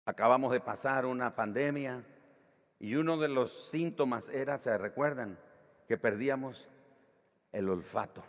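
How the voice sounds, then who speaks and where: A man preaching a sermon as pastor, animated, acting out the voices of the people in his stories. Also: mid-range voice, measured pace, big-room sound.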